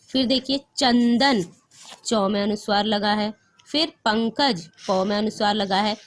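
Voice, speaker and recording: A young woman teaching a recorded grammar lesson for children, patient, repeating points and asking the class questions. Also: mid-range voice. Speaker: school teacher.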